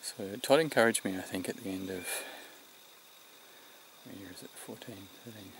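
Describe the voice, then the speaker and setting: Breathless, gravelly Australian man. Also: fairly low pitch. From New South Wales, Australia. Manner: halting, reflective. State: short of breath, tired. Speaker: vlogger. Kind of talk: unscripted vlog to camera. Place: outdoors in the mountains. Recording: noisy outdoor recording, rural background sounds.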